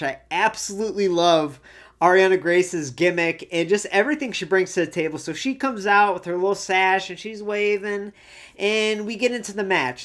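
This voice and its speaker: 热情健谈的女主播. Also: female voice, lowish voice. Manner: chatty and enthusiastic, acts out quotes. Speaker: wrestling recap host. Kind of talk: casual solo recap commentary.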